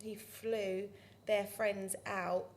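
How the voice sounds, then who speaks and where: Young woman guest on a chat podcast, lively and gossipy, a bit of faint noise behind. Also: mid-range voice, drawn-out words. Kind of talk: casual chat.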